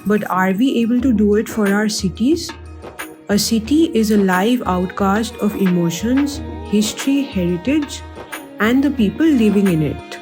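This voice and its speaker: A woman reading a scripted voice-over introduction in a measured, reflective way. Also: mid-range voice, animated, a little mellow, faint music behind.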